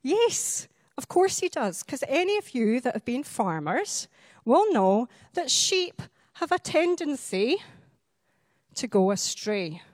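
Woman preacher, Highland Scottish accent, fairly high voice, explanatory delivery, close dry sound. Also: very animated, takes it slowly, dry recording. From Highlands of Scotland. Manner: explanatory, checks in with listeners using short tag questions. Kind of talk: sermon.

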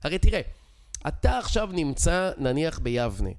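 A man's voice: fairly high pitch, big pitch swings, darkish tone. A middle-aged man with an Israeli accent talks in an informal, explanatory way. He is insistent and teacherly, punctuating his points with short check questions. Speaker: real estate expert guest. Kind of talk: casual explanatory conversation.

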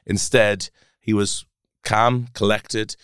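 An enthusiastic man, a sports broadcaster joining a podcast as a guest, talks in an animated way and laughs easily. His low voice is smooth and resonant, recorded close with no echo. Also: takes it slowly. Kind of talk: casual podcast chat.

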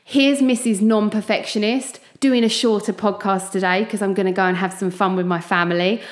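A woman with an Essex accent speaks at a middling pitch in an echoey room. She hosts a motivational podcast on her own, chatting informally and giving listeners a direct pep talk. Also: steady tone, fairly quick. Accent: Essex English. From Essex, England. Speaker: podcast host.

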